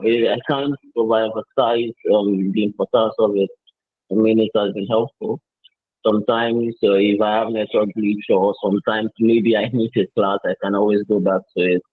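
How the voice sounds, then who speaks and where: Student on a bad call connection: low husky man, earnest, fillers, dry tinny line. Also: no echo. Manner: earnest, many fillers and restarts. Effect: bad connection, tinny and phone-like. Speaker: student giving course feedback. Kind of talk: casual spoken testimonial on a video call. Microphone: video call mic with interference.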